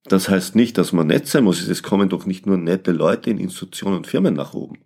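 A man's voice: sits low, fairly quick, a little mellow, husky. A man co-hosting a podcast, explaining his ideas thoughtfully and often repeating words as he searches for phrasing. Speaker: podcast co-host. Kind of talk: conversational podcast discussion.

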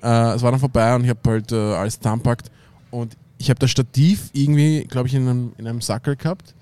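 A man's voice: mid-range voice, fairly even intonation, fast, dark tone, clear, resonant tone, no echo. A young man with an Austrian German accent, rambling through an anecdote in casual slang with lots of fillers. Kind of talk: casual chat.

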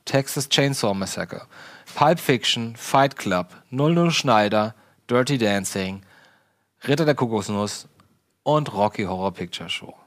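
A man co-hosting a casual film debate, animated and reading out a list. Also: mid-range voice, measured pace, dry recording, clean studio sound. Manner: animated, reads lists aloud. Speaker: podcast host.

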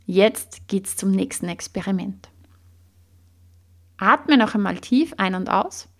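Woman coach, slow guided exercise, gravelly tone. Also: medium pitch. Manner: slow, calm guiding questions.

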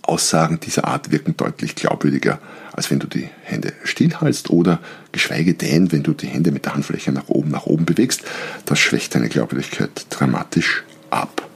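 A man hosting an instructional podcast, explaining persuasion and switching between higher, faster talk and lower, slower talk to demonstrate. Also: animated. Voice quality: very deep, gravelly voice. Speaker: podcast host and business coach.

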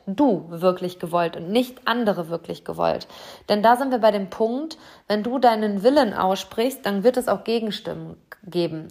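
A woman giving a motivational talk straight to the listener, earnest and direct, slowing down to stress her questions. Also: medium pitch.

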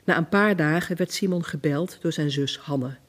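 A woman author, a native Dutch speaker from the Netherlands, answering thoughtfully and reading from her own novel. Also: low-pitched. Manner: slow, thoughtful, searching for words. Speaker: author, guest.

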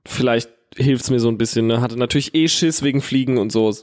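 A man with a Palatinate German accent telling an animated, slangy story in casual chat, full of fillers. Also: medium pitch, a little fast.

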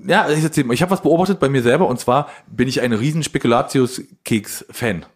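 A man co-hosting a podcast, telling a story in a rambling, halting way. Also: mid-range voice. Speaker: podcast co-host. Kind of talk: casual banter.

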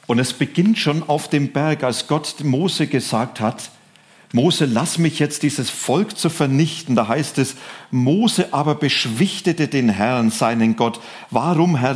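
Earnest male preacher giving a sermon. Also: mid-range voice. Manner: earnest, stresses key phrases by rising and slowing; reads scripture passages aloud.

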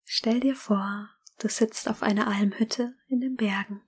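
A woman whispering a slow, calm guided meditation. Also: a little high, husky.

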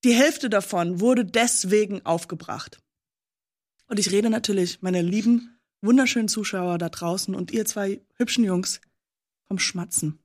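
A woman's voice: mid-range voice, unhurried, a little mellow. A woman on a comedy panel delivering a playful, mock-grand monologue, drawing out phrases for effect. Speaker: panel player.

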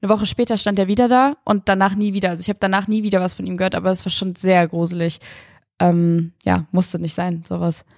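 A woman's voice: fairly low pitch, little pitch movement, fast, creaky, darkish tone, no room sound, studio quality. A young woman in her twenties telling a story in a casual interview at her home, talking in a loose, chatty way with plenty of hesitant fillers. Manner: chatty, filler-heavy retelling with many hesitant "ähm"s. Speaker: guest athlete. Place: her family home, indoors.

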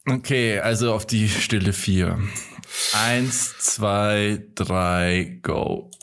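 A man's voice: on the low side, very slow, heavy background noise. Sex: man. Style: slangy, enthusiastic podcast chat. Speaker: podcast co-host. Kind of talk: casual chat.

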